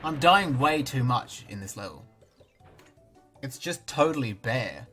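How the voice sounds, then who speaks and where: Faint music plays behind a young Australian man doing casual let's-play commentary for his gaming channel, cracking dry, self-deprecating jokes. Now and then his mouth is full of banana, and his medium-pitched voice is expressive, a little slow, and a bit bright.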